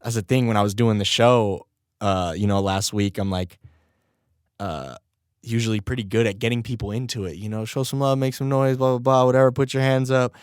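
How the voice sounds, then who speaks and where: Speaking fairly quickly in a smooth, steady, medium-pitched voice, a young rapper hosts his solo podcast with loose, rambling chatter. He curses and chuckles at himself while his voice, on the mend, remains a little strained. The studio audio is clean with no echo.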